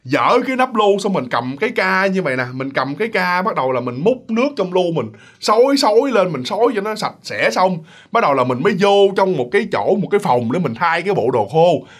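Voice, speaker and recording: A man's voice: high-pitched, sing-song, fairly quick. A man telling a ghost story in a casual, chatty way, often turning to speak straight to his listeners. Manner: chatty, addresses listeners directly.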